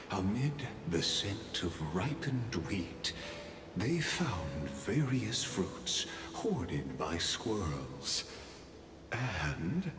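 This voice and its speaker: A man's voice: low voice, roomy sound, full character voice. A man playing a solemn storybook narrator in a fantasy game, reading scripted narration.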